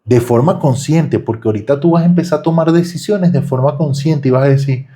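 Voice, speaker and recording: A man teaches a live online class in a lively way, often breaking off to question his students. His voice sits somewhat high and sounds warm and mellow. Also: a little fast. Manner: animated, rhetorical questions to students. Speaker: trading instructor.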